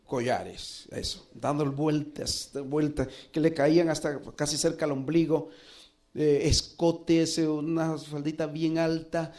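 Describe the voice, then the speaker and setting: Higher-voiced man preaching a sermon. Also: level tone, a little mellow. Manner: earnest, recounting a personal story with dramatic pauses. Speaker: pastor. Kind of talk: sermon storytelling.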